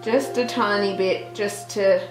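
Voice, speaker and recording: A woman hosting a relaxed real-time colouring tutorial, chatting and thinking aloud with trailing restarts as she works. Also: medium pitch, a little slow. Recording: roomy echo with faint background music.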